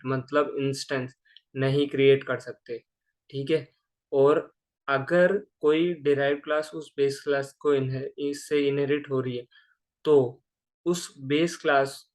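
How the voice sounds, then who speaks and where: A man giving a casual programming lecture, explaining step by step and often checking in with the listener. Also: medium pitch. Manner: conversational, keeps asking "ठीक है ना?". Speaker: programming teacher. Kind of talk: casual screen-recorded coding lecture.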